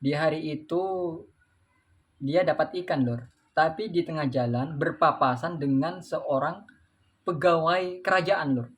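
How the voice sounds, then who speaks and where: A man's voice: fairly high pitch, measured pace, long pauses. A man preaching in a casual, folksy way with a light flavor, telling religious stories and addressing listeners as "Lur" after nearly every phrase. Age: adult father. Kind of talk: casual religious talk and storytelling.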